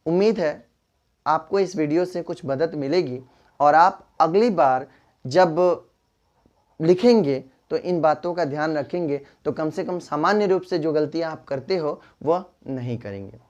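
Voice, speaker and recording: A man gives an online Hindi writing lesson at an unhurried, deliberate pace. He talks to his students as children and patiently repeats each example word so it sinks in. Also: on the high side, a little mellow, muffled recording. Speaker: Hindi teacher.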